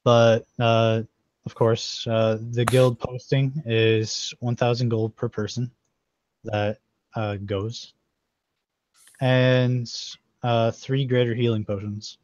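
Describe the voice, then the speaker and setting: A man narrating as game master in a tabletop game, halting and full of fillers. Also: medium pitch, level tone, a little mellow, no echo, dull audio.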